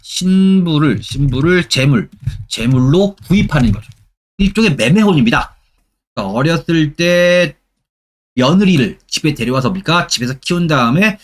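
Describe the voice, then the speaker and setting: Middle-aged guy teaching exam history, pretty high voice, keeps asking the class questions. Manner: emphatic, repeats key terms. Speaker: history lecturer. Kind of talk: exam-prep lecture.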